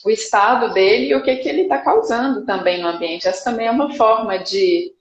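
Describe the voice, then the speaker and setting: A woman, a psychologist guest, speaking thoughtfully and calmly on a live video call. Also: fairly high pitch, reverberant, lo-fi sound. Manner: thoughtful, measured, some restarts. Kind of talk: casual reflective live chat.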